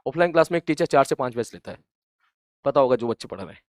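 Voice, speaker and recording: A man teaching students in an earnest, gently scolding motivational talk, repeating points for emphasis and rising loud and high when he urges them on. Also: animated, rapid-fire, dry recording, studio quality. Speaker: coaching teacher.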